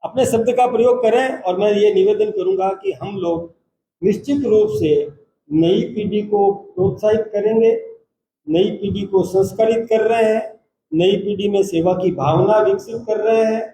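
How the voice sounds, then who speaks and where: A man, a party state president, giving a formal, measured press conference statement and taking reporters' questions in turn. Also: sits high, warm tone, slight background noise. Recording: roomy echoey hall.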